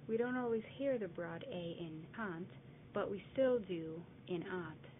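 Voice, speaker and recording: A woman giving scripted educational narration about a regional accent, clear and deliberate, slowing down to demonstrate words. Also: lowish voice. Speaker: narrator explaining a dialect. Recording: lo-fi phone-like audio, faint noise.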